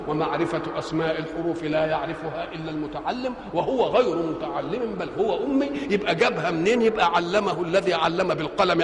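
An older man with an Egyptian Arabic accent explains scripture in everyday speech. He poses questions and answers them himself, in a high-pitched voice. The recording is roomy, with a long hall echo and faint background noise. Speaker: religious scholar. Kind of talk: colloquial Quran exegesis lesson.

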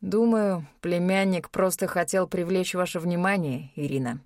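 A woman reading an audiobook voices a cold, sneering male criminal who mutters low threats. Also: normal speed, dry recording, clean studio sound, lightly acted. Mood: menacing.

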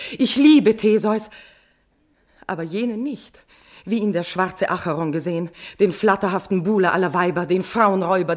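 Tormented, impassioned queen Phaedra. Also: fairly low pitch. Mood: yearning. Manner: impassioned declamation, sudden drops to breathy whispers and swelling outbursts. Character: tormented lovesick queen Phaedra, confessing forbidden passion. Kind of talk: classical verse tragedy, stage-like radio drama acting.

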